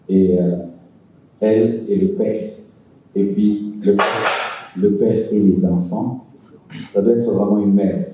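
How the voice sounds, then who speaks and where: Heard from a distance in a heavily reverberant hall with light background hiss, a man with a deep, very dark voice preaches to couples. As a pastor fielding their questions, he's earnest and pauses for emphasis.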